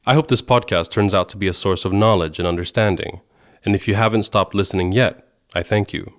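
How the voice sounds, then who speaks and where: Born in Sweden and raised in Egypt and Jordan, this man hosts a podcast in a low voice. His scripted narration is measured and articulate, resembling a radio journalist presenting a program.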